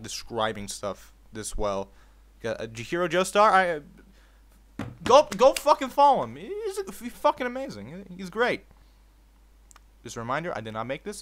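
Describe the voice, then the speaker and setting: A man with a mid-range, slightly bright voice hosts a video, reading fan fiction aloud. He's informal and sweary, shifting between casual commentary and storytelling.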